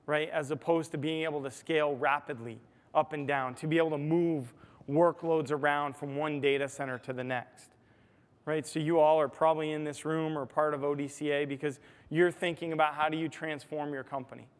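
An American tech executive delivers a conversational keynote from a large indoor hotel ballroom stage, explaining his points and often checking in with "right?" His fairly high voice is clear and resonant, a little fast, with fairly even intonation. A lapel mic captures him amid reverberant hall acoustics and amplified stage sound.

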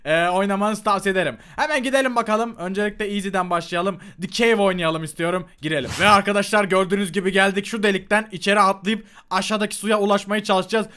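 A young man giving Minecraft parkour commentary, shouting encouragement at himself and muttering when he fails. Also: sits high, fast talker, few pauses, clean tone. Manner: excitable, shouts and cheers himself on; mutters and grumbles when failing. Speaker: gaming YouTuber.

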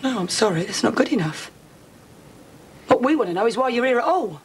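A woman's voice: fairly high pitch, lively intonation, fairly quick, a little hiss or hum, rough recording. A scornful woman, fed up. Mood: cold, scornful. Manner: sharp, cutting and sarcastic. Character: furious fed-up woman confronting an unwanted man. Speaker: soap opera character. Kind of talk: broadcast TV drama acting.

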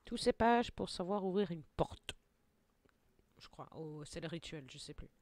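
A woman hosting her gaming channel, giving excitable play-by-play commentary, taunting enemies and muttering to herself, jittery from too much coffee. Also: on the low side, a little slow, no echo. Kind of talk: live gameplay commentary.

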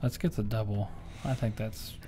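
A man co-hosting a casual gameplay reaction, mostly low-key but bursting into shouts. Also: normal speed, soft background music.

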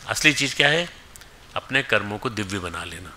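Bright-voiced man giving a spiritual discourse. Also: fairly low pitch, expressive, normal speed, slight background noise. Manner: emphatic, mixes Hindi with English phrases; directs the audience, calling students forward. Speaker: spiritual teacher.

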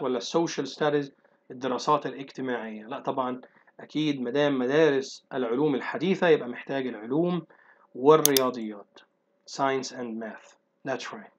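Egyptian male English teacher going through exam answers. Slightly raised pitch, dull lo-fi recording. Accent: Egyptian Arabic. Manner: reads English sentences slowly, then explains them briskly. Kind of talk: exam-prep lesson explaining answers.

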